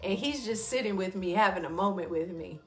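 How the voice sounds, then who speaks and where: A woman hosting a morning wellness talk, chatty and expressive, calling her listeners y'all and leading a guided breathing exercise. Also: mid-range voice, brisk, roomy sound. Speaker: host of a morning wellness show.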